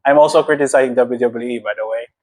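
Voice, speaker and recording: A man's voice: medium pitch, darkish tone. A young man with a Filipino accent, co-hosting a casual wrestling podcast and making his points with heat and emphasis, often laughing. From Philippines. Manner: heated, emphatic, quick to laugh. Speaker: podcast co-host. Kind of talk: casual chat.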